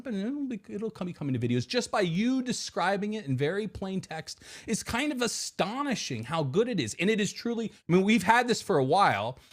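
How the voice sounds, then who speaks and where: Lively-voiced man answering interview questions. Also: fairly high pitch. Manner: many repeated words and restarts, quotes hype voices mockingly. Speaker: podcast guest, technology executive.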